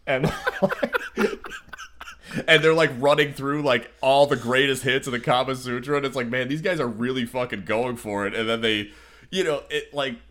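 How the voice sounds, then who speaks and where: A man's voice: mid-range voice, steady tone, a little fast, fairly bright tone. A man co-hosting a podcast, chatting casually about a film in a rambling, profane way and laughing easily. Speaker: podcast co-host.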